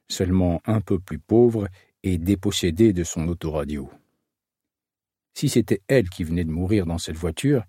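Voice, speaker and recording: Husky, mellow-voiced male narrator. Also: low voice, no echo, clean studio sound. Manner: calm, measured storytelling. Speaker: audiobook narrator. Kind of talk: scripted narration.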